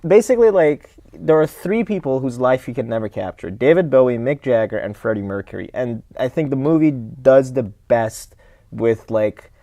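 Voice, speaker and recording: A man's voice: medium pitch, expressive, normal speed, mellow, no room sound. Young guy cohost, easygoing chat, mid voice, dead dry mic. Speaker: podcast co-host. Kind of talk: casual chat.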